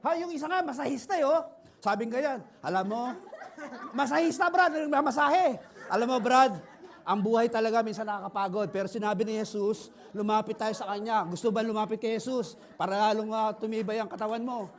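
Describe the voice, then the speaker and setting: High-pitched Filipino male pastor, animated sermon storyteller. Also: fairly quick. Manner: animated preaching, acts out dialogue, laughs often.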